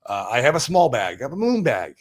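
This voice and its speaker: An American man hosts a livestream, chatting casually and answering viewer comments live in slangy, exclamatory bursts. His mid-range voice swoops wildly in pitch, and he talks fairly quickly.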